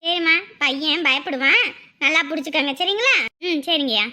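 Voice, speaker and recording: A woman's voice: high voice, normal speed, sharp tone. A woman acting in a village family drama as a busy woman who organises a family ceremony, coaxing and bossing people along.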